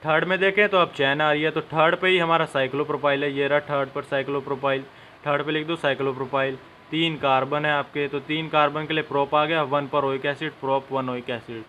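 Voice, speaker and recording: A man's voice: fairly high pitch, level tone, a little fast, bright, forceful tone, highs cut off, a little hiss or hum. A young man teaching a chemistry lesson step by step and speaking directly to his students. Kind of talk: classroom-style lesson.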